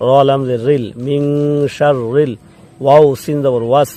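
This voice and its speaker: A man with a level, mellow, mid-range voice patiently teaches Quran recitation. He breaks each word into its letters and vowel marks, chants it slowly, and repeats the rules.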